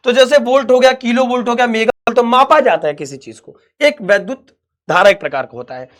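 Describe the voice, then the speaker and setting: A man's voice: extremely high pitch, expressive, a little fast, a bit bright. A young man, teaching an online physics class in a chatty, reassuring way and calling the students his dear children.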